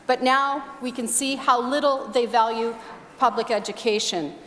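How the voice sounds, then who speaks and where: A woman's voice: on the high side, steady tone, moderate pace, fairly bright tone, a little hiss or hum. A Canadian woman delivering a formal, accusatory statement as an opposition legislator in parliament. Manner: accusatory, critical. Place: large indoor legislative chamber. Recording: echoey legislative chamber, long reverb.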